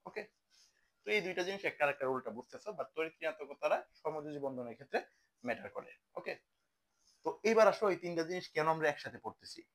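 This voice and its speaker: A young man tutors chemistry in a relaxed, conversational style, asking questions and then answering them on his own. He talks fast, with a fairly high pitch, lively intonation, and a slightly bright tone.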